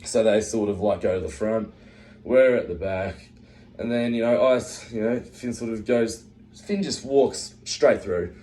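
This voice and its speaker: Lowish-voiced Australian young man storytelling. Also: a little slow, slight background noise. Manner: animated, acts out friends' voices, swears casually. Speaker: speech giver. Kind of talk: comic storytelling speech.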